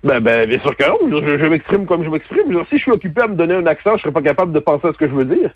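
A man's voice: on the high side, big pitch swings, racing, no echo. A man with a Québécois French accent, interviewed as a guest commentator, arguing emphatically with frequent stammered restarts, heard over a muffled phone line. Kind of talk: argumentative interview talk. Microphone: telephone.

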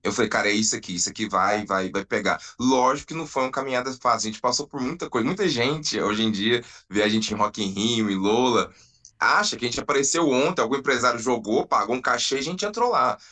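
A man in his thirties, a band founder, telling his story in an earnest, drawn-out way with pauses. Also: medium pitch, sharp tone. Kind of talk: reflective storytelling.

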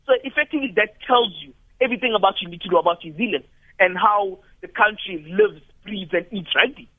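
A man giving measured rugby analysis as a radio guest. He often restarts phrases while he builds an argument. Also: high voice, no room sound. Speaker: studio guest commentator. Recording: tinny phone line.

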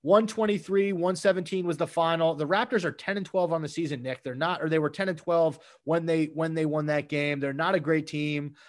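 A man co-hosting a casual sports talk show, animated as he rattles off game stats and recaps plays. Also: fairly high pitch, brisk, hardly any pauses. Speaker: sports podcast co-host.

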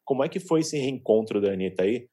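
A man's voice: medium pitch, lively intonation, quick pace, dark tone. A man with a Brazilian accent hosting a casual celebrity gossip chat, joking and steering the conversation. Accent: Brazilian Portuguese. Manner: joking, leads the talk. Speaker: host, entertainment editor.

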